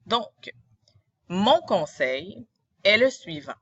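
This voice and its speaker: A woman's voice: medium pitch, sing-song, very slow, fairly bright tone, slightly rough, dull audio. A woman with a Quebec French accent, a teacher narrating a screen tutorial in a didactic, step-by-step way.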